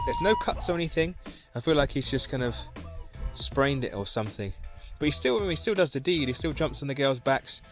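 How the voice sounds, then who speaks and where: A man giving a rambling, casual vlog tour of his croft outdoors, talking to a handheld camera. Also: mid-range voice. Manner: chatty, rambling, self-correcting. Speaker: crofter vlogger. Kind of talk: casual vlog walk-around.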